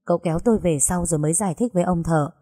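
A woman narrating a story in an even storytelling manner. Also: on the low side, racing.

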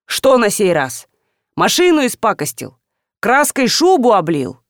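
A woman's voice: a little high, wildly swooping pitch, unhurried, dry recording, clean studio sound. A woman voicing a furious, bossy wealthy father who barks orders at his household, in an audiobook. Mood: irate. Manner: shouting, barking orders. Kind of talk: audiobook character voice.

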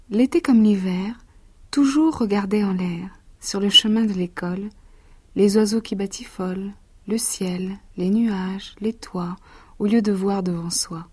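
An actress reading rhymed children's stories aloud with lively rhythm, and recalling them more quietly between readings. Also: female voice, medium pitch, breathy edge.

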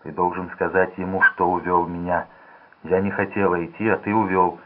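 Scared young rich girl pleading, man reading her part, deep voice, sounds like over a phone. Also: level tone, moderate pace, narrow, tinny audio. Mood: desperate. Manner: pleading, fearful. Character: frightened dazed young heiress woman.

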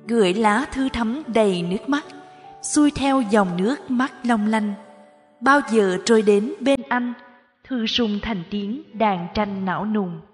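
A woman reading a first-person memoir as an audiobook narrator, in a measured, emotional storytelling manner. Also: medium pitch. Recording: reverberant with background music.

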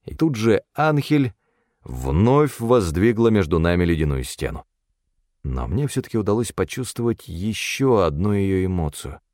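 A man narrating a first-person audiobook in a wry, expressive storytelling manner. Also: sits low, a little slow, dry recording, studio quality.

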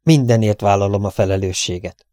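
A composed police inspector, read by a male narrator, calm and measured as he lays out the case. The voice is low and dry, recorded close. He never loses his composure. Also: no room sound, lightly acted. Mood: calm, firm. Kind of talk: audiobook character reading.

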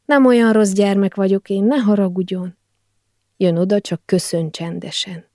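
A woman reading a first-person literary novel aloud as an audiobook. She speaks quietly and confidingly, and at times drops to a near whisper. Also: mid-range voice, dry recording, studio quality. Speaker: audiobook narrator.

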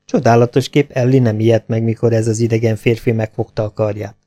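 A man narrating an adventure novel as an audiobook, in steady, plain storytelling. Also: medium pitch, soft background music. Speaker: audiobook reader.

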